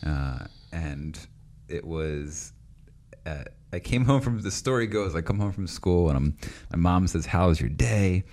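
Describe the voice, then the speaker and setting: Low-voiced man telling stories casually. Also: a little slow. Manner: animated, acts out quoted voices, laughs often. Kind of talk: casual storytelling chat.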